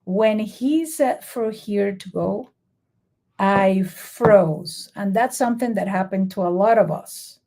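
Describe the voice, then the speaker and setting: Venezuelan lady, spanish accent, husky-gravelly low-key voice, telling her story in an interview. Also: slow. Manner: earnest, animated storyteller. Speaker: guest educator.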